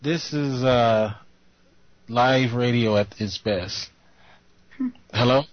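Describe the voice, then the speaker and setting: A man's voice: mid-range voice, slow pace, dry recording. A man hosting a live radio-style call, joking loosely with his guests. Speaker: show host. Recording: dull lo-fi call audio.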